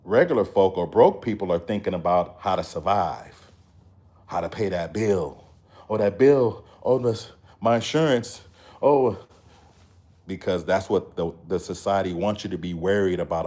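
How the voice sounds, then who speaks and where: A man's voice: low voice, darkish tone. A man, talking casually to camera with a preachy, emphatic, repetitive manner. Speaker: motivational vlogger. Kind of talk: casual motivational talk to camera.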